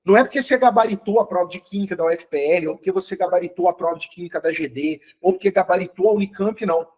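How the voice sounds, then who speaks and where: Very fast and husky with a darkish tone, his high voice comes through a low-quality recording. He hosts an encouraging, upbeat live chemistry review online, addressing students by name and checking comprehension again and again.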